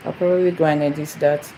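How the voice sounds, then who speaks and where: A young Nigerian woman hosts a casual livestream on her channel from a phone camera, rambling and repeating herself while greeting viewers. Her voice sits low and warm, with slight background noise and a rough recording.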